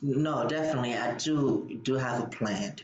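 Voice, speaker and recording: A young man from Liberia with a Liberian English accent, talking casually as an interview guest, unhurried, often restarting his phrases. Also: medium pitch, dull audio. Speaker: guest musician. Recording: roomy with background noise.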